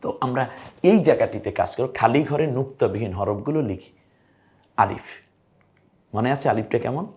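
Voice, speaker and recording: A male Quran teacher giving a recorded online lesson. He encourages his students warmly and asks and answers his own questions as he goes. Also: medium pitch, expressive, normal speed, pauses often.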